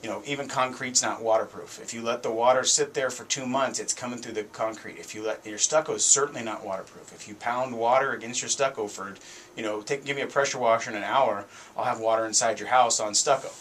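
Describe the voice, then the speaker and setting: Telling stories on his radio show, this middle-aged American host sounds casual, conversational and emphatic. His medium-pitched voice moves fast with fairly even intonation and a fairly bright tone, and there's slight background noise. He's indoors in a small foam-treated studio, using a studio mic on a boom arm.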